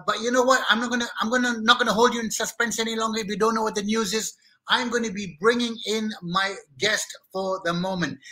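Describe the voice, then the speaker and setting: High, bright-voiced Malaysian man hosting. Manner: chatty, playful, switches between English and Malay. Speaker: host of a live-streamed talk show. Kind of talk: casual live-stream hosting.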